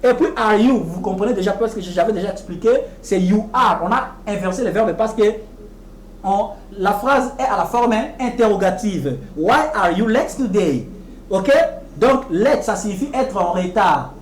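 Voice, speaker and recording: A woman giving a televised English lesson, explaining patiently and repeating each English phrase slowly and deliberately. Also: medium pitch, expressive, echoey room, a little hiss or hum, rough recording. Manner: explains patiently, often checking with "ok?". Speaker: English teacher.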